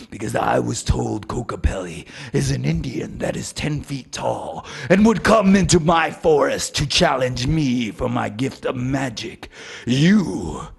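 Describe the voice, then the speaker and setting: A man voicing a huge, haughty male elk who speaks slowly, low and half whispered. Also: gravelly, husky, heavily acted.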